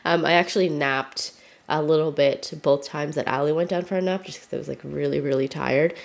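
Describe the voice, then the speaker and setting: A young woman chats through a casual, rambling vlog, her voice low, creaky and stuffy-nasal from a cold. She talks briskly in a steady tone, filling the gaps with plenty of fillers.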